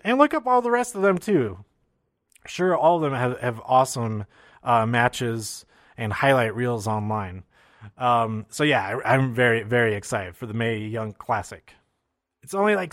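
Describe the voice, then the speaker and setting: A man casually recapping wrestling shows, excitable and rambling, with many fillers and restarts. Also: mid-range voice, no echo, clean studio sound.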